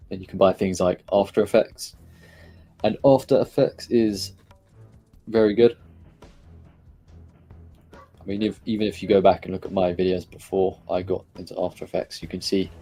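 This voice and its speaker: Male streamer, low mellow voice, laid-back and rambly, faint music underneath. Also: husky. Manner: relaxed, rambling, hesitant with frequent fillers. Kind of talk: casual live-stream chat, answering viewers.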